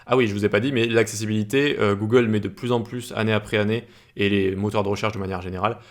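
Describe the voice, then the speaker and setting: A man's voice: on the low side, fairly even intonation, fast talker. A man teaching web development in a screencast tutorial, informal, with many fillers and restarts.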